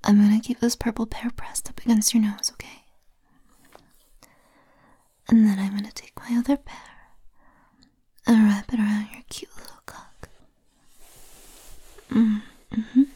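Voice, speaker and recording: A woman speaking in a soft, breathy whisper close to the microphone, in a slow, intimate roleplay. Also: on the high side, little pitch movement, dry recording.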